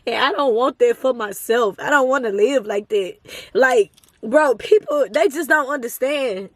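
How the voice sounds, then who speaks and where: A woman's voice: a little high, moderate pace, dry recording. A woman, talking earnestly and emotionally to her viewers in a casual motivational vlog. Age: 20s. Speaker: vlogger. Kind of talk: casual motivational talk to camera.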